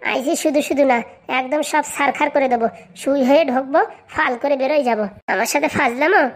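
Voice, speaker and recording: Woman acting as a spiteful village schemer, bengali way of talking, high voice, rattles it off super fast. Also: lightly acted. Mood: gloating, spiteful. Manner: gloating, threatening, boastful. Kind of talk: comedic village skit acting.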